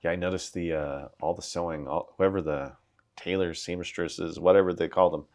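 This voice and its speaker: A man hosting a casual interview, chatty and enthusiastic, jumping in with quick reactions. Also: low voice, steady tone, a little mellow. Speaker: interviewer, host.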